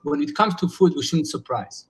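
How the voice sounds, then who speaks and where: A man's voice: on the high side, animated, normal speed, poor audio. A man in his forties, a psychologist, talking earnestly on a video call, often restarting his sentences as he searches for words. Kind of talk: casual video call discussion. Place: indoors at home. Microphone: laptop webcam on a video call.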